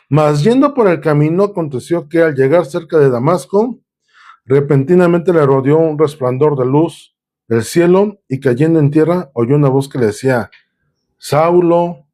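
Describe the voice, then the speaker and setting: Mellow-voiced male pastor preaching. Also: on the high side. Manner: conversational Bible teaching, reading verses aloud and paraphrasing them; frequent filler sounds and restarts. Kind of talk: sermon.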